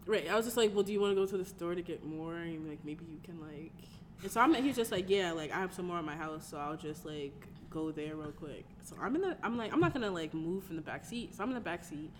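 A woman's voice: lowish voice, quick pace, in a large hall, slight background noise. A woman hosting a podcast in casual chat, telling stories animatedly and laughing often. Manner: animated storytelling with frequent laughter. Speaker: podcast host.

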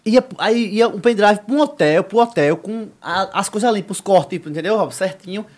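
A man excitedly retelling a story in casual chat, full of slang. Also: high voice, moderate pace.

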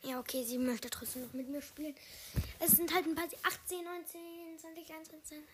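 High-voiced excitable woman gaming. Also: a little fast, background noise. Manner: excitable, bursts into loud exclamations, mixes in English gamer slang. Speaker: gaming video host. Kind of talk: live gameplay commentary.

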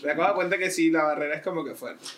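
A man with a Venezuelan accent, co-hosting a casual podcast chat and telling stories loudly with plenty of slang. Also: a little high, racing, distant mic. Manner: loud, joking, slangy storytelling. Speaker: podcast co-host.

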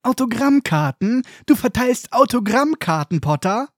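A man's voice: very high-pitched, sing-song, a little slow, no echo, clean studio sound, voice pushed up, heavily acted. Draco Malfoy, a man doing a sneering schoolboy bully. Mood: taunting. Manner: mocking, cutting.

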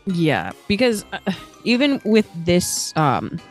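Young woman co-host, low animated voice, skeptical and blunt. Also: slow pace, faint music behind. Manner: skeptical, laughs often, swears. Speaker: podcast co-host. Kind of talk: casual chat.

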